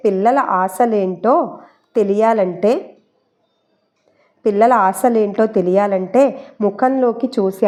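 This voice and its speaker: A woman with a mellow, warm voice talks through an exam-prep lesson, teaching memory tricks. She chats casually, repeats the key points and slips English words into her explanations. She is recorded close to the mic. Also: mid-range voice.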